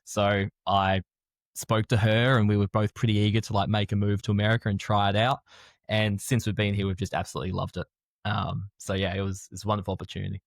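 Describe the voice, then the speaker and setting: A young adult man from Australia with an Australian accent, explaining his work as a podcast guest in a measured way. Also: lowish voice, little pitch movement, gravelly, no echo. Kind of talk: podcast interview.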